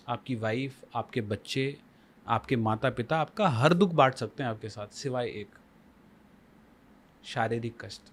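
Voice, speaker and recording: With a medium pitch and a fairly bright tone, a man talks as a guest life coach on a podcast. His explanations are emphatic and sprinkled with rhetorical questions, in a mix of Hindi and English.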